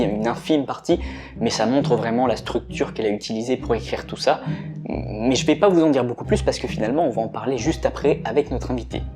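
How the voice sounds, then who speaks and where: A man hosting an explainer video, narrating in a casual, chatty way. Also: medium pitch. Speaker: host. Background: music.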